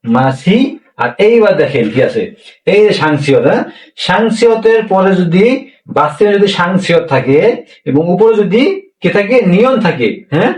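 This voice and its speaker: A very animated male teacher with a high voice speaks at normal speed in a classroom lesson on pronunciation. He is repetitive and answers his own questions, sounding echoey and distant because the mic is far off.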